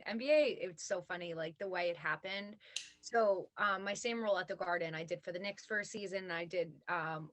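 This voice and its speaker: Young woman, podcast guest, bright forceful voice, chatty, laughs often. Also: mid-range voice, poor audio. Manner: chatty, laughs often while telling stories. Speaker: guest, live events producer. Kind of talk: casual podcast chat.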